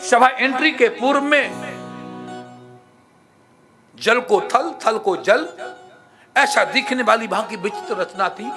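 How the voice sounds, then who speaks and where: A man's voice: extremely high pitch, slow pace, pauses often, pushed and bright. A man teaching a devotional scripture sermon at an ashram, repeating phrases for emphasis and quizzing his listeners. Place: ashram hall. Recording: clear music playing under the voice. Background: plucked string music.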